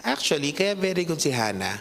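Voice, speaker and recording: Man, Filipino accent, pastor's sermon, fairly high voice, very expressive intonation. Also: brisk, creaky, in a large hall, a little hiss or hum. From Philippines. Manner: animated storytelling mixing English and Tagalog. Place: church hall.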